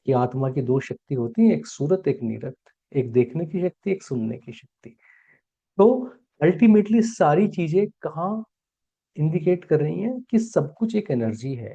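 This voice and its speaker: Middle-aged guy lecturing on spirituality, gravelly and mellow, kinda muffled lo-fi audio. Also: a little high. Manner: explanatory, mixes English terms into Hindi. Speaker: course teacher. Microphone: online class mic.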